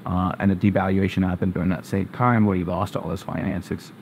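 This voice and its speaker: A low, creaky, slightly mellow male voice delivers flat, brisk answers to interview questions, hesitating often with uh and um. The speaker is a plain-spoken family physician born in Zambia and raised in New Jersey, and a little hiss or hum is present.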